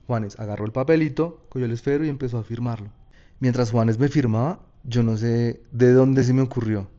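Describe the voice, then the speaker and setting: A man's voice: mid-range voice, a little fast, muffled recording. Paisa-accented man telling a story. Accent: Colombian Paisa. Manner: casual, slangy, animated retelling. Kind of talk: personal storytelling.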